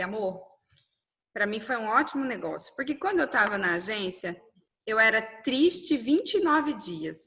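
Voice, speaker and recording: A woman, telling her own story in an interview, acting out dialogue and often tagging "né?". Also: mid-range voice. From Brazil. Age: 30s. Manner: animated, quotes dialogue, frequent "né?".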